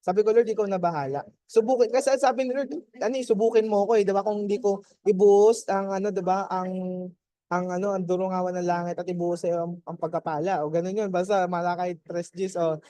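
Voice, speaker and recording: Mellow-voiced man giving a chatty testimony. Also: high-pitched, level tone, fast talker, no echo. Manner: chatty, keeps checking in with "di ba?" and laughs. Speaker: mentor giving a testimony to his team. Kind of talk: Taglish motivational testimony.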